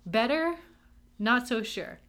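Her voice sits fairly high and sounds fairly bright, and she takes her time while staying expressive. A young woman from Texas, she co-hosts a casual podcast, chatting in an upbeat way, making fun of herself and laughing frequently.

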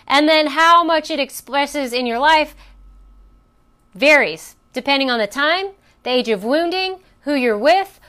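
A woman hosts a personal coaching talk in a high, smooth, clear voice. She tells a story conversationally, with fillers and restarts. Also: a bit bright. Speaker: host.

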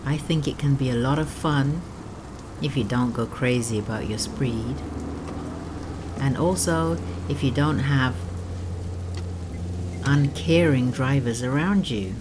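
Very low, slow, sultry woman's sleep narration. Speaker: host of a sleep story series. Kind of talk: slow sleep-story narration with guided breathing. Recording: clear rain noise behind the voice. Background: steady rain.

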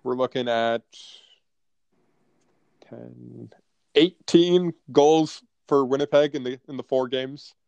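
A North American man with an average-pitched voice co-hosts a sports podcast. He chats casually, blunt and profane, with frat-bro banter. The sound is close and dry. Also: slow, gravelly, long pauses, a little mellow, dry recording, muffled recording.

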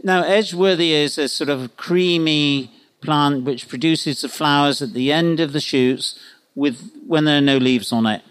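Opinionated man with a highish voice. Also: normal speed, fairly bright tone, clear, resonant tone. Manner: opinionated, anecdotal, rambling. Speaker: expert panellist, nurseryman. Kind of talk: unscripted gardening advice.

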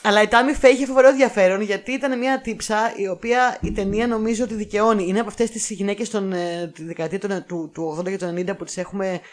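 A woman's voice: mid-range voice, steady tone, hardly any pauses. A woman co-hosting a podcast, chatting casually about films and steering the talk back on track. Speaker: podcast co-host. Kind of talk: casual film review chat.

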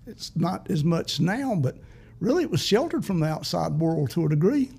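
A man's voice: on the high side, sing-song, moderate pace, gravelly, a little mellow, breathy edge. A seventy-year-old man from South Carolina with a Southern US accent, chatting casually as an interviewer. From South Carolina, United States. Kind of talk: casual chat.

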